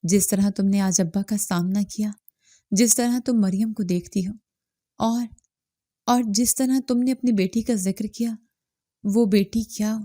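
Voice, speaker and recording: A woman voicing a tender-hearted young daughter who speaks in a halting, hesitant way. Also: medium pitch, steady tone, warm tone, no echo, clean studio sound, lightly acted. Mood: searching.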